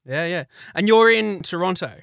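A man's voice: high voice, expressive, normal speed, creaky, a bit bright, clear, resonant tone, no echo, clean studio sound. A man hosting a podcast in a chatty, informal, chummy way. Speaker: podcast host.

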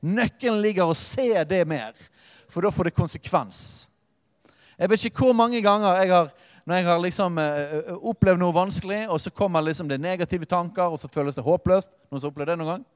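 Impassioned preaching man in a reverberant hall. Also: high-pitched. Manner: impassioned preaching, rising and falling with emphatic repetition. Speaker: pastor. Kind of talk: sermon.

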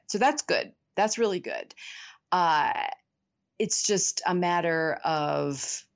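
Woman, author guest, very low voice, muffled lo-fi sound, reflective, candid. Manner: reflective and candid, with many fillers. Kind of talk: conversational interview. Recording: muffled, lo-fi remote audio.

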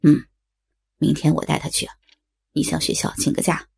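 A man voicing a remorseful middle-aged father who speaks in a flat, resigned way. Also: a little high, normal speed, gravelly, husky, heavily acted.

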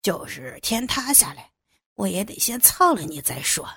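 A woman's voice: medium pitch, big pitch swings, normal speed, a bit bright, husky, dry recording, clean studio sound, full character voice. A woman voicing a crude, swaggering young male contractor in an audiobook, talking coarse and leering, then fawning. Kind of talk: audiobook character voice.

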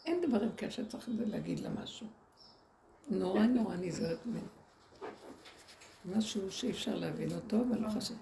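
A woman's voice: mid-range voice, animated, gravelly, long pauses, warm tone. A woman speaking as a rebbetzin to a women's group, telling stories animatedly and acting out the people she quotes, recorded live in a noisy room. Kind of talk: storytelling talk to an audience.

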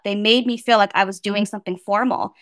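In a candid conversational interview, a Bay Area academic guest from the United States speaks plainly and matter-of-factly. Her mid-range voice moves briskly with fairly even intonation, captured in a clean studio recording with no room sound.

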